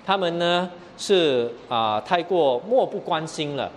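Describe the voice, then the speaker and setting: A man's voice: on the high side, animated, slow pace, a little hiss or hum. A man preaching a sermon, explaining scripture verse by verse and often asking the listeners rhetorical questions. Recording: long hall reverb, faint ambience.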